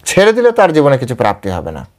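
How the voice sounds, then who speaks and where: A male preacher with a Bengali accent leads a devotional lesson on scripture. He talks his listeners through it step by step, putting a question to them and then answering it himself. He repeats key phrases for emphasis and drops into slow, careful recitation whenever he quotes a verse. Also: medium pitch, huge pitch swings, darkish tone. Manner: chants and quotes verses slowly. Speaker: preacher giving a scripture class.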